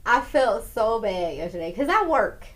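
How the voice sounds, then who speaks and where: A woman hosting a casual talk show, telling stories in an animated way and acting out quotes, tired after a long day. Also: a little high, moderate pace, crowd noise. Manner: animated storytelling, acts out quotes. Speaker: host. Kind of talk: casual chat.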